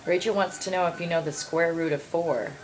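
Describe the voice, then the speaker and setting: A middle-aged woman chatting gently and reassuringly, like a mother looking after her child. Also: on the low side, fairly even intonation, brisk, faint music behind, low-quality recording. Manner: gentle, reassuring, uses endearments. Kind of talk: casual chat. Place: small dental clinic room.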